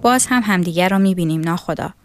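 A woman's voice: fairly low pitch, no room sound, studio quality, close to an everyday voice. A woman voicing a threatening scar-faced male officer with a nasal voice, puffing with anger, in a storybook reading. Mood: menacing.

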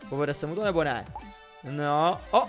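Excitable young Czech-speaking gamer man. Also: on the high side, faint music behind. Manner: excitable, jokey, swings between muttering and yelping. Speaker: gaming YouTuber. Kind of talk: casual game commentary.

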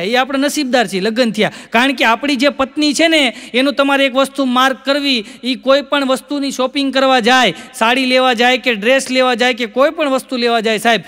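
High, bright-voiced Gujarati comic storyteller. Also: male voice, clear, resonant tone. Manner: acts out both sides of each joke, often repeating lines for effect. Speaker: stand-up comic. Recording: long hall reverb.

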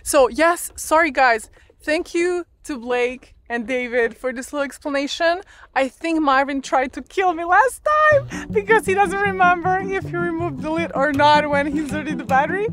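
French woman, casual vlog host, high and chatty, music bed under her. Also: normal speed. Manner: chatty, excitable, with fillers. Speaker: sailing vlogger.

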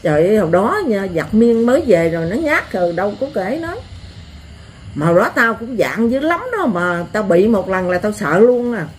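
An older woman with a Southern Vietnamese accent, telling stories in a blunt, earthy, animated way as an interviewee. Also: medium pitch, normal speed, a little hiss or hum. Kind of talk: rural storytelling.

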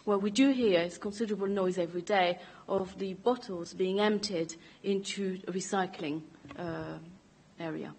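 A woman in her thirties answers questions off the cuff at a public meeting. Her voice is mid-pitched and a little rough, picked up by a desk microphone. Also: moderate pace, darkish tone. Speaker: resident answering committee questions. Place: council meeting chamber, indoors. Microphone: gooseneck desk microphone.

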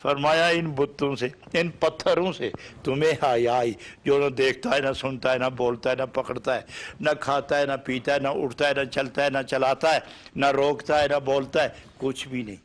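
A man's voice: mid-range voice, steady tone. A man from Pakistan preaching a sermon lesson, speaking in rhythmic lists of short repeated phrases and pressing his points with emphatic rising questions. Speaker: Sufi preacher.

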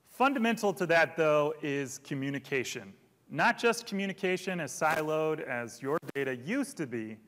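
A man in his thirties, his voice a little high and a bit bright, presents an upbeat, theatrical product launch keynote on a large auditorium stage. Long hall reverb fills the recording.

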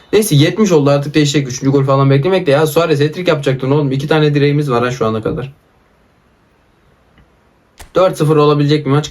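A young gaming YouTuber with a mid-range voice gives chatty, excitable commentary over his own football video game match.

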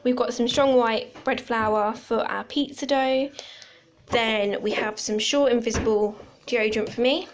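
A woman's voice: fairly high pitch, fairly even intonation, measured pace. A young woman from the UK chatting casually through a grocery haul, listing items with small asides, recorded on a phone in her home kitchen. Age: 20s. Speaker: vlogger.

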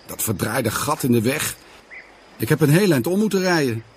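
A man doing a calm, friendly postman. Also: medium pitch, moderate pace, slight background noise, lightly acted. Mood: apologetic.

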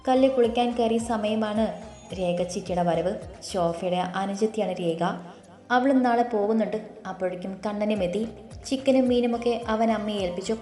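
A woman narrating a story in a calm, even storytelling voice. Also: mid-range voice, moderate pace. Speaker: audiobook narrator. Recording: roomy echo with faint music.

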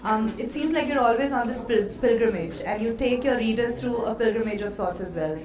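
A woman's voice: a little high, brisk. A woman interviewer asking long, chatty questions with plenty of fillers. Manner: chatty, many fillers and agreeing yeahs. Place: festival lounge, indoors. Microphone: handheld mic. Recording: echoey room with crowd chatter. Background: crowd murmur.

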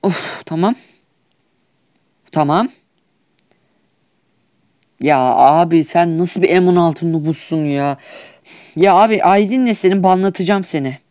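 A man's voice: high voice, slow, long pauses, darkish tone, no echo, studio quality. A young man with a Turkish accent, trash-talking over mobile shooter gameplay in a whiny, exasperated comedic skit. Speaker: gaming YouTuber.

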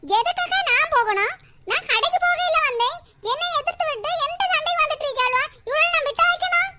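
Woman voicing a squeaky quarrelsome village woman. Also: sharp tone, a little hiss or hum. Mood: complaining. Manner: scolding, sarcastic, rapid complaints. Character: loud quarrelsome village woman, sharp-tongued. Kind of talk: animated cartoon voice acting.

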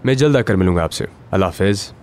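A man's voice: low-pitched, lively intonation, fast talker, darkish tone. A man dubbing a brash, short-tempered villain boss in a TV drama, pining and bossing his helper around. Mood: scheming. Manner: bossy, short-tempered, threatening. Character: brash obsessed male villain boss, lovesick for Nazli. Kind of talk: Urdu dub of a TV drama.

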